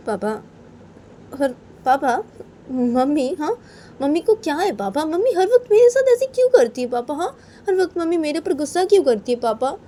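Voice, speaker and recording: A woman voicing a whiny teenage daughter who complains in a high voice. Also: mellow, a little hiss or hum. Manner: high, whining, repeats "kya hai".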